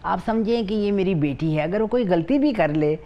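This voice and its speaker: A woman's voice: mid-range voice, expressive, normal speed, lo-fi sound. An older woman with a Pakistani Urdu accent giving family advice as a guest on a TV morning show, in an earnest, motherly way. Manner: earnest, motherly, repeats herself.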